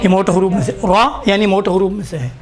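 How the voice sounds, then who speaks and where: A man teaching Quran reading in a live class, slowly repeating letters for students to write down. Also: high voice, a crowd in the background.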